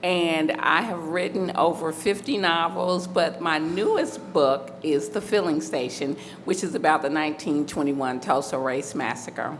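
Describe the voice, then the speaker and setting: Confident low-voiced woman novelist. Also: a little slow, hardly any pauses, slight background noise. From Ohio, USA. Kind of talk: panel talk. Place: book festival panel room.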